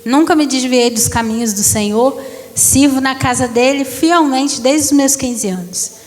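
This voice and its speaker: Woman in her thirties preaching an emotional testimony; high pitch, reverberant church. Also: unhurried. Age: 30s. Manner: emotional storytelling, addresses congregation. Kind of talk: testimony sermon. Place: church hall.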